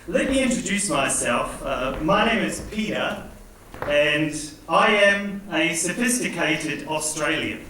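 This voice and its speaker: A man's voice: on the high side, animated, slow. A man with a New Zealand accent hosting a live stage show with playful, self-mocking stand-up jokes and hesitant fillers. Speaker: master of ceremonies and English teacher. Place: large indoor theatre hall. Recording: echoey hall from far off, audience noise. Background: audience laughter and room ambience.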